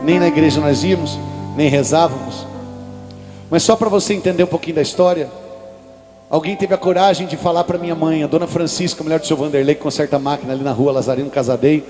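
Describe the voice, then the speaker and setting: A Brazilian preacher with a Brazilian Portuguese accent gives a sermon in a large hall at a religious event, music playing behind amid live hall reverb. His voice is on the high side with a darkish tone and a quick pace. He shares a personal story while addressing the congregation directly.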